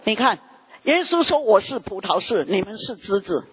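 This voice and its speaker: A man preaching an emotional testimony sermon, his pitch jumping high as he tells it. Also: very animated, moderate pace, fairly bright tone, slightly rough. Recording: dull lo-fi recording.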